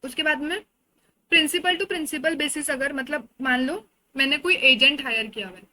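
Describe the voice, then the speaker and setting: Bright, high-voiced Indian woman teacher. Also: measured pace, rough recording. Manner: conversational, explains with everyday examples and frequent "theek hai". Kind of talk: exam-oriented lecture.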